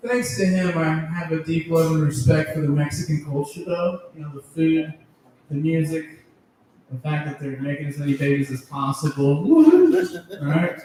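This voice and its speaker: A man's voice: fairly high pitch, level tone, normal speed, darkish tone, slight background noise. A man doing a crude, profanity-heavy stand-up set on a club stage, chuckling at his own jokes. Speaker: stand-up comedian. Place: comedy club stage with audience. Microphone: handheld stage mic. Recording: echoey room, mic picked up from a distance.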